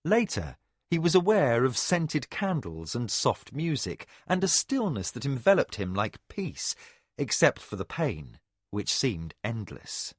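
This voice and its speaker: A man narrating a fantasy audiobook in an expressive storytelling manner. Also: mid-range voice, measured pace, no room sound, clean studio sound. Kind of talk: scripted narration.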